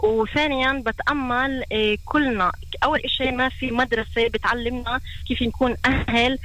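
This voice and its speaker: A woman's voice: a little high, steady tone, brisk, fairly bright tone, low-quality recording. A woman with a Palestinian Arabic accent, a family therapist giving advice as a guest in a radio interview.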